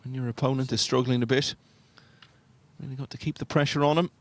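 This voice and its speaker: Man giving hushed, understated snooker commentary. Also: medium pitch, fairly even intonation, fast, no room sound.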